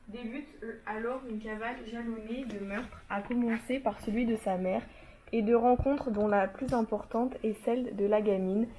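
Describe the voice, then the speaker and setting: A woman narrating the stage directions of a play in a calm, measured reading. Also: a little high, a little hiss or hum, poor audio. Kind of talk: scripted narration.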